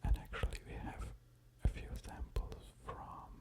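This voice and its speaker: A man doing whispered ASMR in a soft unvoiced whisper, close to an ear-to-ear microphone, musing in a hesitant way. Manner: slow, hesitant delivery with musing asides. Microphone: close-up stereo ear-to-ear microphone.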